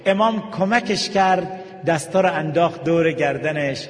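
A man delivers an emotional religious sermon full of stories, slowing and dropping almost to a whisper for tender moments, then rising into sung passages. The hall gives the recording an echoey reverb.

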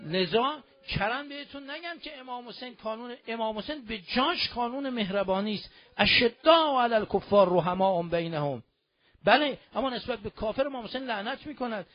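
Male preacher, high-pitched, lamenting mourning sermon, soft to shouting, muffled lo-fi audio. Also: animated. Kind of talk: mourning sermon, recounting with cries. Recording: dull lo-fi sound.

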